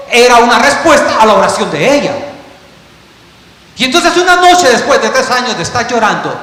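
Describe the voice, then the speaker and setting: A man preaching a sermon as pastor, telling a story, swinging from hushed passages to loud ones. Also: extremely high pitch. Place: church. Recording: echoey church hall with faint hiss.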